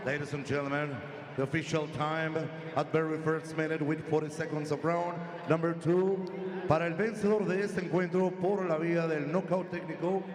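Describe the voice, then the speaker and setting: A man's voice: fairly high pitch, steady tone, fairly quick. A man announcing official fight results in Spanish and English, theatrically, lucha libre style, drawing out words and names. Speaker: ring announcer. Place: boxing venue. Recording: echoey arena PA with loud noise.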